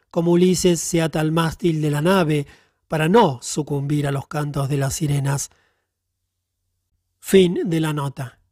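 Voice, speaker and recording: A man's voice: fairly high pitch, a little mellow, no room sound, studio quality. A man reading a philosophical book aloud as an audiobook, in a dramatic, declamatory manner. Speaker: audiobook narrator. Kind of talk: scripted narration.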